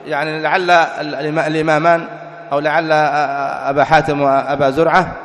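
A man's voice: a little high, level tone. Man lecturing in an echoey hall. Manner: asks rhetorical questions and answers them; reads quoted text slowly and deliberately. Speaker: religious teacher. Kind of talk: lecture explaining a creed text. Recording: echoey hall with long reverb.

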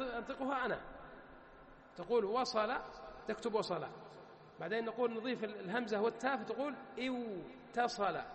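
High-voiced man teaching in echoey hall. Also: a bit bright, slight background noise. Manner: drills words slowly, asks and answers himself. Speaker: Arabic grammar teacher. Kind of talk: classroom lecture on morphology.

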